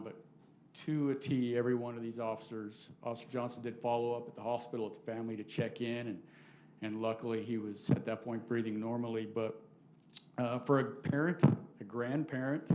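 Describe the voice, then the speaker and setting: A man reads a formal commendation at a council meeting in a flat, even voice. His delivery stays measured throughout, with faint room noise behind. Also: medium pitch. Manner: reads formally, slight restarts. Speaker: police official.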